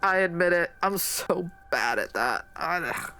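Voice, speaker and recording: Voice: medium pitch, lively intonation, slow pace, sharp tone, soft background music. Rambling gamer from Louisiana. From Louisiana, USA. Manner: tangent-prone, self-deprecating, swears casually, frequent laughs. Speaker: let's play streamer. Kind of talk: casual rambling commentary.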